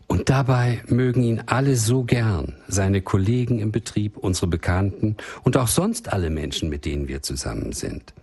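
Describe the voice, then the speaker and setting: Deep husky man reading a doctor's story. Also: animated, normal speed, few pauses, a little mellow. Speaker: doctor recounting a patient case. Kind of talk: read-aloud case story.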